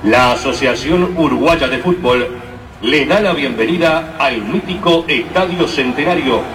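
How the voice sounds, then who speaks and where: A man's voice: mid-range voice, measured pace, fairly bright tone, soft background music, lightly acted. A man playing a formal, ceremonious stadium announcer making announcements. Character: formal male stadium announcer welcoming the crowd. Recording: echoey, distant, noisy stadium PA sound.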